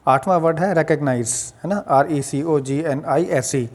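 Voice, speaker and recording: A man's voice: a little high, measured pace. A man with an Indian accent giving a patient English pronunciation lesson, spelling out each word letter by letter and explaining its meaning. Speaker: English teacher. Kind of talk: Hindi-language pronunciation lesson.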